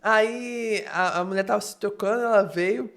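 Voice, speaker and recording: A man's voice: high voice, normal speed, creaky, fairly bright tone. A man with a Brazilian accent hosting a church podcast, chatting casually and sharing a story of his own. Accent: Brazilian Portuguese. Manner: chatty, laughing along while sharing an anecdote. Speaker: podcast host. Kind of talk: casual chat.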